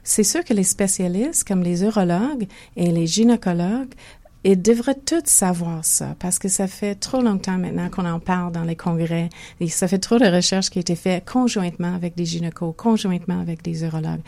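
An older woman with a Québécois accent talks through her work as a guest, in a mellow, warm tone. She sits a little low in her range and often pauses to restart a thought. It sounds like an unhurried, considered conversation. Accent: Québécois French. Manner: thoughtful, many restarts and hesitations. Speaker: physiotherapist guest. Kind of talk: conversational interview.

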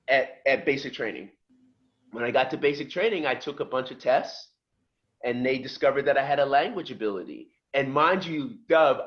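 Here a middle-aged podcast guest from just outside Philadelphia shares his life story conversationally, vividly impersonating the people he mentions. His voice is mid-range and the audio is dull.

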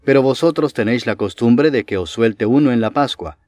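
A man reading scripture aloud in a measured, solemn way, slowing on key phrases. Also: mid-range voice, a little mellow, dry recording, studio quality. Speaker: Bible reader.

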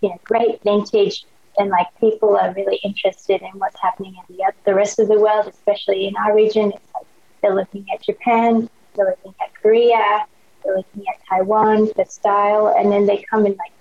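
A gravelly, medium-pitched voice with a level tone belongs to a young Australian woman talking a little fast. As a podcast guest, she chats eagerly in casual slang, leaning heavily on "like." The recording is dull and lo-fi.

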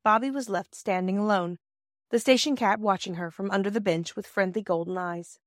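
A female audiobook narrator reads in a measured, expressive storybook style at a mid-range pitch. The recording is very dry.

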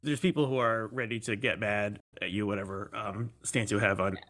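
A man's voice: on the low side, steady tone, moderate pace, a bit bright. A man interviewing a guest, asking long, hesitant questions full of ums and uhs. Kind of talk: casual interview.

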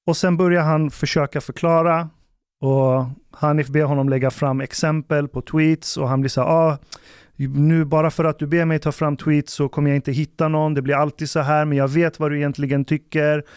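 A man recounts a story to his co-hosts in loose podcast chat. His voice is smooth and sits fairly high, and he keeps slipping into the voices of the people he quotes. The sound is dry and close. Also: no echo. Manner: animated storyteller acting out quotes. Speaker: podcast host.

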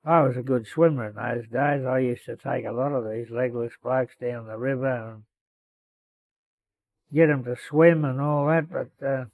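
An Australian war veteran in his eighties or older recalls his story in an oral history interview, speaking colloquially and acting out the dialogue he quotes. His mid-range voice is creaky and a little mellow, with fairly even intonation at a normal speed. The recording is dry and rough.

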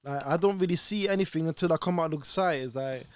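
A man's voice: a little high, quick pace, no echo, studio quality. A man with a British urban accent, chatting casually about his own experiences. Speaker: construction worker. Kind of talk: casual group chat.

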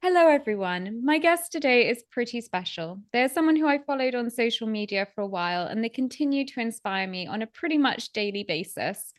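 A woman hosting a podcast, reading a scripted introduction in a measured, formal way. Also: a little high, animated, dry recording. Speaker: podcast host.

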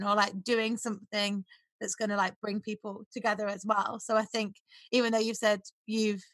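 A woman's voice: medium pitch, fairly bright tone, dry recording. A woman with a British accent, chatting casually and informally. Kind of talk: casual chat.

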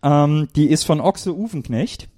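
A man's voice: on the high side, expressive, measured pace, mellow, no room sound, studio quality. A man co-hosting a casual comedy podcast, chatting with friends and reading out listener questions. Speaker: podcast co-host. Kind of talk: casual chat.

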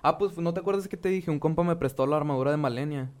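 A man's voice: fairly high pitch, quick pace, darkish tone. Profane, slangy northern Mexican man. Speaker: podcast co-host. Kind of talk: casual chat about video games.

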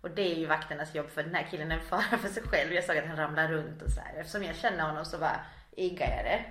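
Brief: woman guest, lively storyteller, echoey room. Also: sits low. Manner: lively storyteller, quotes people with slang. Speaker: podcast guest. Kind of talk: casual chat, anecdotes. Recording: roomy echo.

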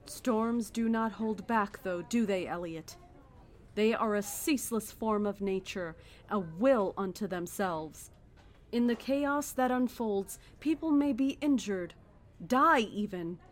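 An actress voices a serene, fanatical cult leader in a horror audio drama, preaching in a measured, solemn way with calm zeal. Her voice is mid-range and lightly acted.

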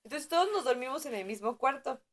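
Mexican girl podcast host, kinda high voice, laughs a lot telling stories. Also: fast talker. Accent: Mexican Spanish. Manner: animated storytelling, acts out quotes, laughs often. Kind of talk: casual chat.

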